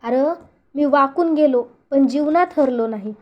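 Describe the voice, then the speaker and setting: A woman's voice: sits high, lo-fi sound. Woman playing a stern old village grandfather. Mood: pleading. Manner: slow, heavy scolding words.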